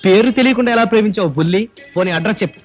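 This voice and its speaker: An actor playing a bossy, impatient middle-aged groom in a film comedy. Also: male voice, high-pitched, rapid-fire, highs cut off, faint music behind. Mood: mocking. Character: scheming eager middle-aged male groom, pushy and bossy.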